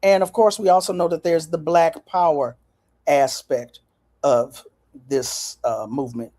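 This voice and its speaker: Lively folksy woman host, mellow voice. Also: deep voice, unhurried. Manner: folksy, lively, talks straight to viewers. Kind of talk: casual chat to viewers.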